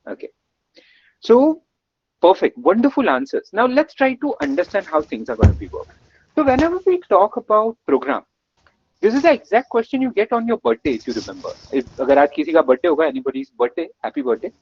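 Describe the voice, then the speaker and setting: A man from Gujarat with an Indian English accent teaches a live online coding lesson, energetically coaxing answers and repeating lavish praise. His voice sits high and he talks fast. The dry webinar audio is dull and muffled, with slight background noise.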